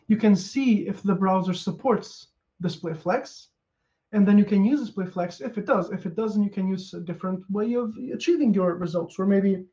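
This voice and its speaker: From a small room at home, a man from Portugal in his thirties talks casually through a technical topic for a conference, using a headset and plenty of ums and uhs. His voice is high yet mellow and warm, and the recording sounds dull and lo-fi, as if from a video call.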